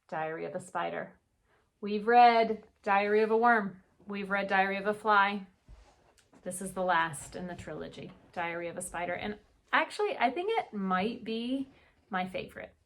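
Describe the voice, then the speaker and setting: Sitting in a reading nook at home, a woman teacher reads a children's storybook aloud, adding chatty asides and asking young listeners questions she then answers. Her voice is medium-pitched and a touch bright.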